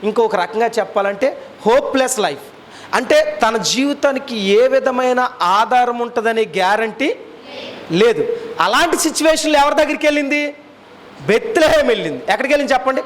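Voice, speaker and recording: A man's voice: very high voice, lively intonation, normal speed, fairly bright tone. A man preaching a sermon, putting repeated questions to his congregation. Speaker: pastor.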